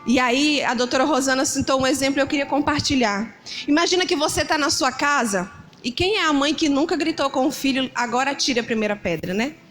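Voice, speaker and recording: A middle-aged woman pastor with a Ceará Brazilian Portuguese accent delivers a sermon, her voice sitting high. She tells stories in a lively way and mimics shouting parents. Faint music plays beneath her. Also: brisk. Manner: animated storytelling, acting out shouting parents.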